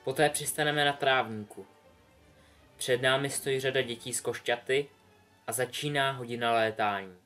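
A man reads a story aloud in a calm, measured way, his voice sitting in an ordinary middle range. Soft background music plays underneath his narration. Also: mid-range voice.

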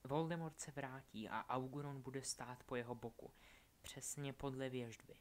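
A man's voice: mid-range voice, fairly even intonation, a little hiss or hum, natural voice. A man voicing a cruel, scheming young witch who taunts and threatens. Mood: menacing. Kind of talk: audiobook character voice.

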